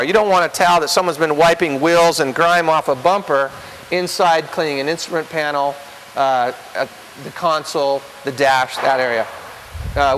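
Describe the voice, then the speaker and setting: Brief: man in his forties, slightly high voice, practical shop-owner talk with ums, reverberant garage bay, faint hum. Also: fairly bright tone. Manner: plain, practical, with frequent ums and uhs. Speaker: car wash owner. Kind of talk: instructional demonstration. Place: large indoor car wash bay.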